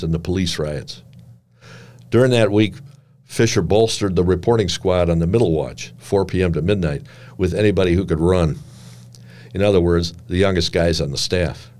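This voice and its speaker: An older man reading his own memoir aloud with measured, dry and wry storytelling. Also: sits low, darkish tone.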